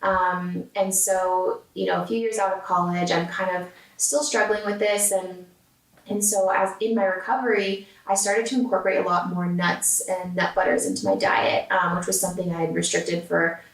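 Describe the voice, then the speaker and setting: A woman with a lowish voice, level tone, and moderate pace chats casually as an interview guest. She is a food company founder from San Diego, California, who leans on fillers like "um" and "like," recorded with roomy sound from a distant mic.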